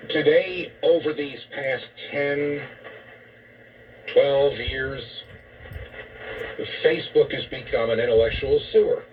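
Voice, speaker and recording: Over a muffled, noisy shortwave broadcast, a radio host and commentator gives an opinionated talk radio monologue, emphatic and disapproving, full of rhetorical questions. He has a mid-range voice, speaks slowly with frequent pauses, and sounds distant from the mic.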